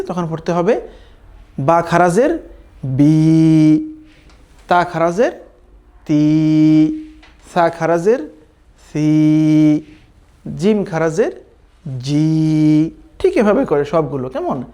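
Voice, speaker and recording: Man from Bangladesh, Quran reading teacher, mellow low-key tone, unhurried drills. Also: sing-song. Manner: slow drawn-out recitation drills, then brisk explaining with "কেমন?" checks. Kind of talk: recorded online class.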